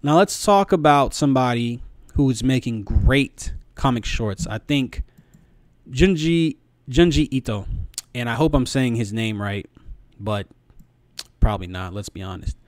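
Halting, casual man on a dry mic. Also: mid-range voice, expressive, dry recording. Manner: halting, repeats words. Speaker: video commentator. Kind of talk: casual review commentary. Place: small room at home. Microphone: close desk microphone, headphones on.

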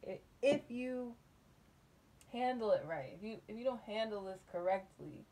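A woman giving a casual tarot reading, musing and unhurried, humming and laughing softly between thoughts, from a table in a small dim room. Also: fairly high pitch, animated. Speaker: tarot reader.

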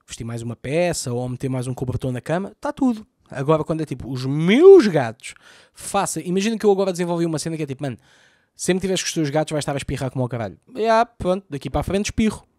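A man's voice: fairly high pitch, animated, quick pace, mellow, no room sound, clean studio sound. A man with a Lisbon Portuguese accent, hosting a solo podcast, rambling and swearing a lot as he talks. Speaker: podcast host and comedian. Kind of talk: casual solo podcast monologue. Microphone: podcast microphone.

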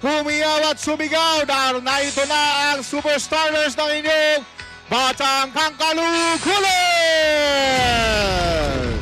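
A man with a Filipino accent booming out live sports introductions as a hype arena announcer, stretching out the names. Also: pushed and bright. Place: large indoor sports arena.

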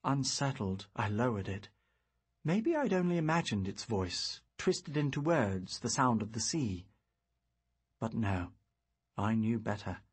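A man narrates a fantasy audiobook in the first person, his voice deeply breathy and husky. He takes his time, lingering over each phrase. His pitch rises and falls expressively as he tells the story. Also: very animated. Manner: measured, reflective storytelling.

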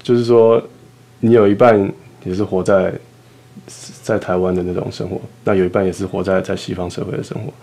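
A young man answering interview questions hesitantly, pausing with fillers as he thinks. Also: low voice, little pitch movement, vocal fry, mellow. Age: young adult. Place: dark studio backdrop, indoors.

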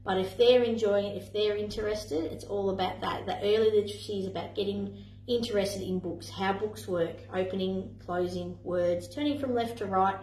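This young Australian woman leads a playgroup, reading a picture story to toddlers and parents with a bouncy, exclamatory, sing-song delivery. Her pitch is medium and her pace moderate; a far-off camera records her in front of a screen in an echoing playroom, with slight background noise.

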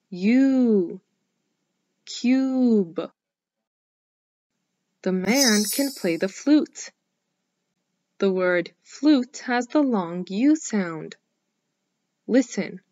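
Slow, dry-voiced woman teaching phonics. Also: mid-range voice, darkish tone, no echo, highs cut off. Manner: slow, clearly enunciated, encouraging. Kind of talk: scripted children's phonics lesson.

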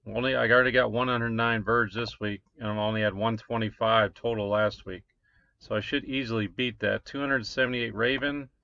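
Man, 40s, low-ish gravelly voice, casual screen-share vlogger, lo-fi dull sound. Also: little pitch movement, normal speed, pushed and bright, no echo. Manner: rambling, reads numbers aloud with many "um"s. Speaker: crypto mining vlogger. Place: small room at a desk. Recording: dull lo-fi desk recording.

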